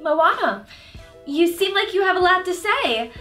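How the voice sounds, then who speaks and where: A woman's voice: extremely high pitch, very animated, unhurried, pushed and bright, faint music behind, exaggerated voice. A woman playing a haughty, scheming evil fairy posing as a sweet princess in a children's parody, with theatrical, imperious villain menace. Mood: haughty, scornful. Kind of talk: campy children's parody sketch acting.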